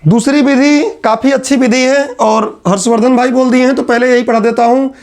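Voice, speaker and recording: A male teacher giving a classroom lecture at a whiteboard. He chats with his students, teases them in asides, and repeats key terms slowly. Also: very high voice, fairly even intonation, gravelly, a little mellow. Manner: chatty, teasing asides to students.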